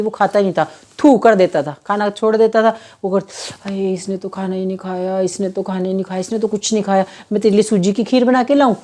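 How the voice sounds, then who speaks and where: A woman's voice: medium pitch, dark tone. A woman giving parenting advice in a casual, earnest talk, often checking in with the listener and acting out quoted mothers.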